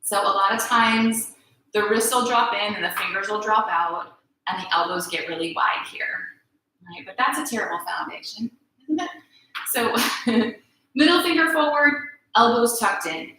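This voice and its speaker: A woman teaching a yoga flow in a bright, clear voice. She calls out poses calmly and encouragingly, often checking in with the class. The sound rings through a very echoey room. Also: fairly high pitch, moderate pace, slight background noise. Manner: calm, encouraging cues with frequent "right?" check-ins. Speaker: yoga instructor. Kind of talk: guided yoga class instruction.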